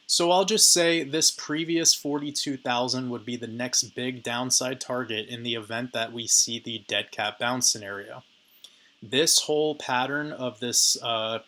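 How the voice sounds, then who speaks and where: A man with a hoarse, raspy voice giving casual chart analysis commentary on crypto markets and addressing his viewers directly. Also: medium pitch, pushed and bright. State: hoarse, raspy voice from talking a lot.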